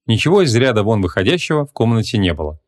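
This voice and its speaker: Low-voiced male audiobook narrator. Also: very animated, quick pace. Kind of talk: scripted narration.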